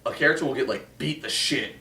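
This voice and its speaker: A man's voice: mid-range voice, fast talker, creaky, pushed and bright. Young guy, movie chat host, loose and profane; roomy sound, mic at a distance.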